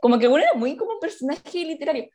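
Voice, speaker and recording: High-pitched and rapid-fire, a young Chilean woman in her twenties tells a story while chatting informally. It's an animated telling, heavy on slang and punctuated by plenty of laughter.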